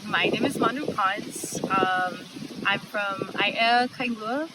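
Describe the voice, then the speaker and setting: A woman who grew up in Hawaii, talking about her background in a hesitant way, with many pauses and fillers. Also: mid-range voice, very noisy. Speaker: interviewee. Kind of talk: casual personal interview.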